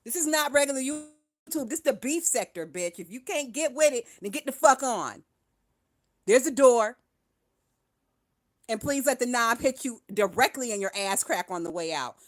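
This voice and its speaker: A young woman hosting a livestream, gossiping and reading viewer comments in a brash, profane way, laughing often and swinging between loud outbursts and hushed asides. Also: on the high side, expressive, moderate pace.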